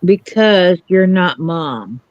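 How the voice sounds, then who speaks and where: A woman's voice: lowish voice, animated, slow, a little mellow, no echo, muffled recording. A woman chatting casually as the co-host of a livestream. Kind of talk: casual chat.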